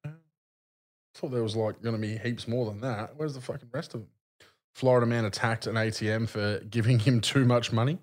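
A man's voice: medium pitch, fairly even intonation, a little fast, darkish tone. An Australian man in his thirties chatting casually as a podcast co-host, crude and slangy, swearing freely in comic banter.

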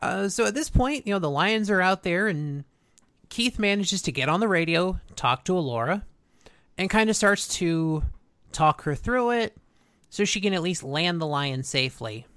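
A podcast co-host recapping an episode in casual, informal and animated storytelling. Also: medium pitch, normal speed, no echo, studio quality.

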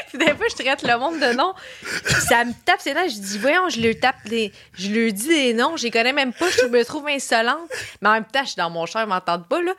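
A young woman with a Quebec French accent, guest in a casual chat, animated and laughing, sometimes yelling for effect. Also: on the high side, brisk.

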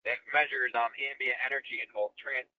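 Man on a thin, bass-less tinny phone line. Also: fairly even intonation, fairly quick. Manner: hesitant, many fillers. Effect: thin tinny phone sound with no bass. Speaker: guest calling in by phone.

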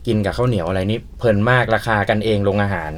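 A man's voice: lowish voice, fast, a little hiss or hum. A man co-hosting a podcast in casual chat, easygoing and jokey. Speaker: podcast co-host.

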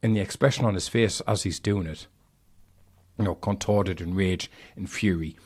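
Man, very deep voice, casual podcast film review, measured and thoughtful. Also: darkish tone, husky. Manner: thoughtful, measured analysis with conversational asides.

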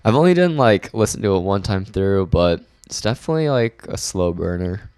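A young man, a guest on a casual podcast chat, laid-back and joking, often trailing off quietly. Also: sits low, animated, brisk, smooth, no room sound, studio quality.

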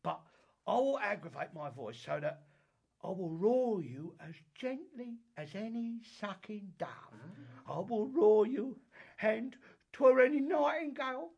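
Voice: medium pitch, very animated, normal speed, vocal fry, breathy edge, exaggerated voice. An actor playing a boastful, pompous weaver who declaims bombastically in a stage comedy.

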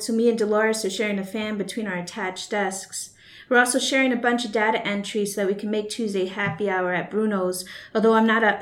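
A woman reading her own first-person fiction aloud in a wry, blunt, conversational way. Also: mid-range voice. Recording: echoey room.

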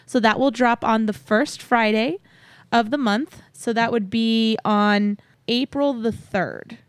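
A woman's voice: fairly high pitch, slow pace, clear, resonant tone, dry recording. A woman hosting a podcast, giving listeners a chatty update in a cheery, enthusiastic way. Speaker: podcast host. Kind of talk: upbeat podcast announcement, chatty.

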